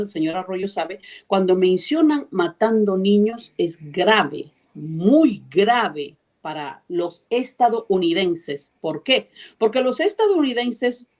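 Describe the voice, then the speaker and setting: A woman's voice: medium pitch, darkish tone. A woman from Peru, a guest telling her story emphatically and repeating her key phrases. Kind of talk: animated storytelling.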